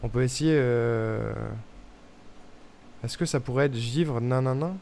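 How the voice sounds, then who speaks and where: A man's voice: medium pitch, slow pace, a little mellow, a little hiss or hum. A young man streaming a puzzle game, thinking aloud in casual chat as he tests guesses and mutters to himself. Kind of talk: casual live-stream commentary.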